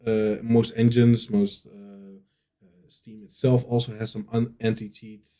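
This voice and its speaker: Man, lead dev in a casual Q&A, mellow dark tone, halting delivery full of ums and restarts. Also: lowish voice, monotone. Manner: hesitant, many fillers and restarts. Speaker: lead game developer. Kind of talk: casual Q&A answers.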